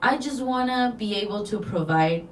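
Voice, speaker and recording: With lively intonation and a mid-range voice at a moderate pace, a Mexican-accented designer recounts her story in a relaxed interview. Spanish is her first language, and she's earnest, rambling, and often restarts. The audio sounds distant and roomy, with faint noise behind.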